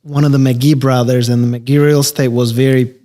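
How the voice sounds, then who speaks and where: A man, a real estate investor talking casually as a podcast guest, relaxed and rambling with many fillers. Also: medium pitch, a little fast. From Albania. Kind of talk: casual interview conversation.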